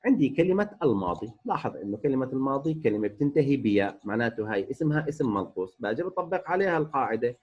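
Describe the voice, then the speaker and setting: A man teaching a remote grammar lesson, slowly stretching out example words and repeating each rule. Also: medium pitch, sing-song, a little mellow, breathy edge, muffled recording. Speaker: Arabic teacher. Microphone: recorded voice-over for a distance lesson.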